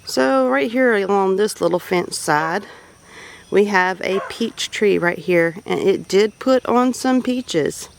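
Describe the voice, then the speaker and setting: Taking it slowly in a medium-pitched voice with vocal fry, a Southern-accented woman gives an unscripted tour of her homestead garden. The homestead vlogger's narration is folksy, rambling and appreciative. The outdoor audio is noisy with birds, roosters and farm animals.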